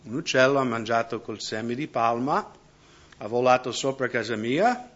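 A man preaching a conversational sermon who keeps checking in with the congregation with quick tag questions. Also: mid-range voice, fairly bright tone, highs cut off. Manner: keeps asking the congregation "no?" and "giusto?".

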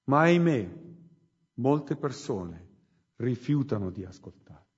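A man preaching a sermon in a church hall, slow and emphatic, swinging between loud and hushed phrases. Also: mid-range voice, sing-song, breathy edge. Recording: muffled recording with long hall reverb.

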